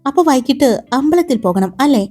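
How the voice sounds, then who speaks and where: A woman's voice: high voice, animated, brisk, faint music behind. A woman voicing a teasing young lover. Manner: playful, commanding, soft.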